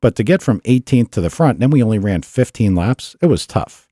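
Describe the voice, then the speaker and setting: A man with a fairly low voice tells a long story in a relaxed, chatty way. He gets animated and jumps higher when he acts out what other people said. The sound is dry and close, with no room echo. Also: a little fast, breathy edge. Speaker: podcast guest. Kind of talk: casual storytelling.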